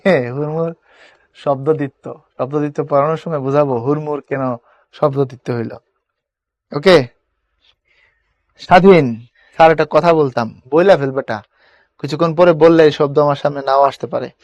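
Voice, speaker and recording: A man's voice: fairly high pitch, moderate pace, long pauses, no room sound, highs cut off. A young man teaching an online spelling class, casual and coaxing, often checking whether students understand. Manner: colloquial, coaxing, keeps asking students if it is clear.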